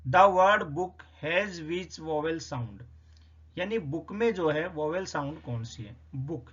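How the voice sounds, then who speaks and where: High-voiced man explaining a phonetics quiz. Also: fairly bright tone, husky, muffled recording. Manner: explains step by step, repeats sounds slowly. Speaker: English teacher.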